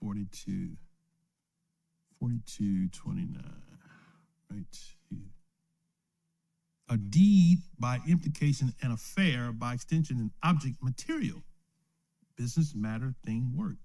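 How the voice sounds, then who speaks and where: A man's voice: mid-range voice, animated, measured pace, vocal fry, long pauses, mellow. A man, an elder, teaching an informal Bible lesson who keeps checking in with "right?" and chuckles often. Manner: asks "right?" after most points, chuckles often. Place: recorded at home or a small study, streamed live.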